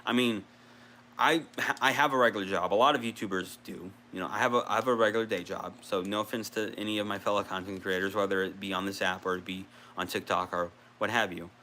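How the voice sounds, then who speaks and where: A man talks on his own gaming vlog, looping back through fillers and half-finished sentences. His lowish voice has a bright, pressed edge. A faint hiss sits under the recording. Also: fairly even intonation, quick pace. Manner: rambling, many restarts and fillers, casual swearing. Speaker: video creator.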